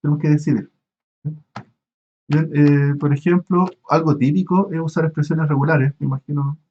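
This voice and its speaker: Guy lecturing on a muffled online call, lots of eh and restarts, slightly high voice. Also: steady tone. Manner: halting, many restarts and fillers, asks students questions. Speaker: university lecturer.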